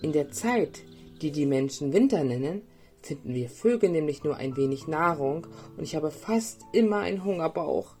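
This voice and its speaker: A woman's voice: low-pitched, lively intonation, moderate pace, dark tone, soft background music. A woman voicing a small, hungry male sparrow who is timid and puzzled. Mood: plaintive. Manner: stammering, earnest.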